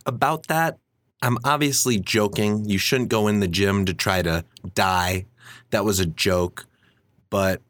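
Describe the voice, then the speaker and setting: Guy dropping in a quick voice-over note, lowish voice, dry close mic, kinda sheepish. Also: a bit bright, dry recording. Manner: sheepish, plainly explaining. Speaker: podcast co-host. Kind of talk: inserted voice-over correction.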